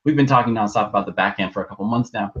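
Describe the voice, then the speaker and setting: A man talking as a podcast co-host in casual chat, heard through a low-quality internet call, halting and often restarting his words. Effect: low-quality internet call audio. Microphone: video call. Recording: dull lo-fi video call line.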